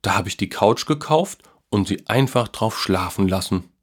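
A man's voice: lowish voice, animated, normal speed, husky. A man doing a teasing kind old man. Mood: storytelling. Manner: warm, teasing and encouraging. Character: kindly playful old man, former circus worker.

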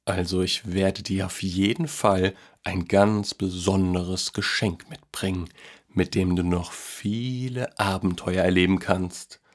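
A man voicing a kind, tired old grandfather in a storybook reading, speaking gently and softly. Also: lowish voice, measured pace. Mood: warm, gentle. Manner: gentle, soft, a bit tired.

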